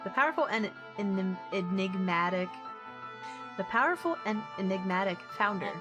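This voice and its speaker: Woman as a slow, menacing theatrical boy villain. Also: mid-range voice, lively intonation, music in the background, lightly acted. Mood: smug, grandiose. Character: scheming villain mastermind in a youthful boy's body. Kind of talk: scripted story character dialogue.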